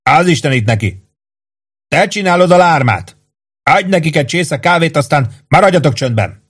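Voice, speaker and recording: A man voicing a drowsy, gruff army corporal who barks orders between naps. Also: a little high, expressive, a bit bright, pitched above the performer's own voice. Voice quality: gruff, sleepy.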